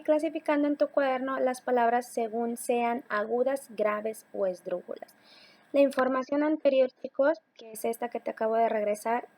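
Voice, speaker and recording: Woman teacher, high voice, patient, stresses key words slowly. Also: a little mellow. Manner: patient, addresses students directly, slows to stress key words. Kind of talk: recorded slide lesson.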